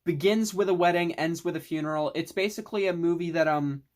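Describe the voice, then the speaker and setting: Young adult, casual film review vlog, rambling, enthusiastic, mild swearing, middle pitch. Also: fast, a little mellow. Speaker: film collector vlogger.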